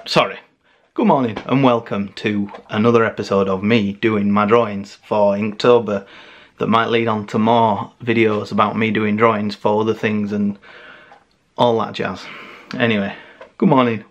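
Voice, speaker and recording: A man chatting casually on his art vlog, rambling and correcting himself as he goes, with frequent laughs. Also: fairly low pitch. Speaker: art vlogger.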